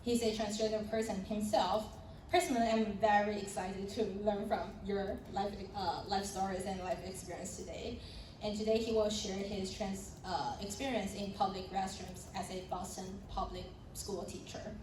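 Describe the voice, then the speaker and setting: A woman's voice: mid-range voice, level tone, normal speed. A young adult woman from Taiwan, moderating a panel in a friendly way with fillers and light laughs. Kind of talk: panel introductions and presentation. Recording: roomy sound from a distant mic with background noise.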